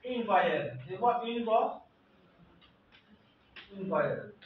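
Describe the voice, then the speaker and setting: Man, French teacher, unhurried, repeats each example, high voice, roomy echo from far off. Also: expressive, slight background noise. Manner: repeats phrases and examples slowly for learners. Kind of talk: classroom language lesson. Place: classroom. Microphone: far from the mic. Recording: echoey classroom from far off, dull lo-fi sound.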